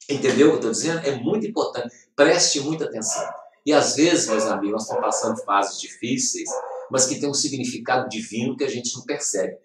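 An earnest man gives a motivational talk, repeating his points and speaking straight to the listener. His voice sits at an ordinary middle pitch. It sounds roomy and distant, picked up from well away from the microphone. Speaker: host of an inspirational program. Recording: echoey room, voice far from mic.

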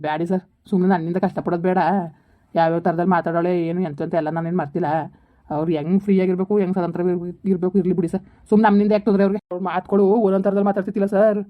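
Brief: a bitter husband rattling off complaints very fast, played by a woman, dull lo-fi sound. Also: on the low side, little pitch movement, close to an everyday voice. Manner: rapid, complaining, pleading to an officer. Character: aggrieved middle-aged husband, bitter toward his wife. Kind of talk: village family drama. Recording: dull lo-fi recording.

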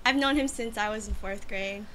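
A woman's voice: mid-range voice, normal speed, sharp tone, a little hiss or hum. A young woman chatting casually as the host of a vlog. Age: young adult. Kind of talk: casual chat. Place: small room indoors, plain backdrop. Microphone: camera a few feet away.

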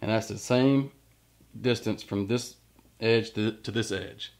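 In a large indoor woodshop, a workshop channel host in his thirties works at the bench and explains step by step how to use a jig. His lowish voice is slightly mellow and unhurried in this hands-on tutorial.

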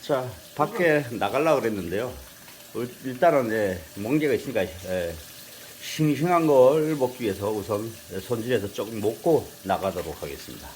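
A man's voice: mid-range voice, animated, normal speed, darkish tone, slight background noise. An older man chatting casually as a vlogger at his rural home, telling folksy stories and chuckling often. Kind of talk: casual vlog narration.

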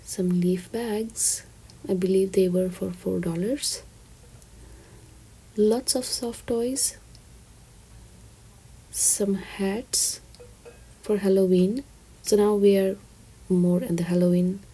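Soft husky woman narrating a shop-with-me. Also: mid-range voice. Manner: soft, half-whispered product walkthrough. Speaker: shopping vlogger. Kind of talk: shop-with-me voice-over.

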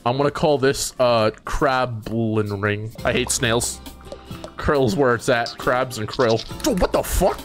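A man giving excitable, profane commentary while playing a video game. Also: medium pitch, slow pace, faint music behind. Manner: excitable, profane, laughing often. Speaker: gamer. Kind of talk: casual let's-play commentary.

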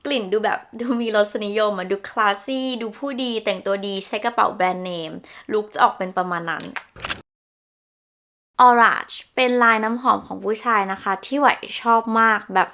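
A woman's voice: mid-range voice, normal speed, pushed and bright. A young woman chatting casually through a perfume review, descriptive and gushing, with polite particles. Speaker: beauty vlogger.

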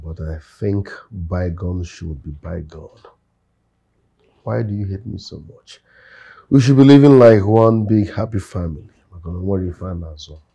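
Mellow, pleading Nigerian prince. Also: male voice, sits low, husky, exaggerated voice. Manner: earnest, plaintive. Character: hurt, pleading, peace-seeking stepson prince. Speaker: actor in a film drama. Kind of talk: Nollywood film acting.

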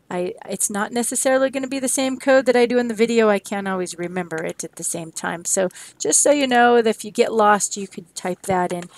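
A woman's voice: medium pitch, dry recording. A woman teaching a programming lesson, explaining each step of her code in a friendly, plain way. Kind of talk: screen-recorded coding tutorial.

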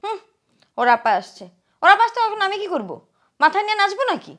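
A woman playing a shrill, spiteful young wife. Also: sing-song, quick pace, exaggerated voice. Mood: scornful. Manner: scolding, loud and contemptuous. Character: spiteful young wife who resents her sister-in-law. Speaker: sharp-tongued wife. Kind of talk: short film acting.

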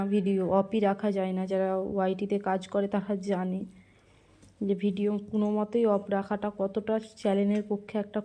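Mellow-voiced woman chatting in a vlog voice-over. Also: medium pitch. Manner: confiding, talks straight to viewers as friends. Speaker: vlogger. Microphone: voice-over recorded separately from the footage.

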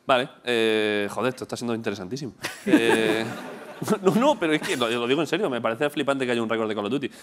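A man's voice: medium pitch, animated, fast. A man hosting a talk show, teasing his guests in casual, joking chat. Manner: playful, teasing, stumbles and restarts.

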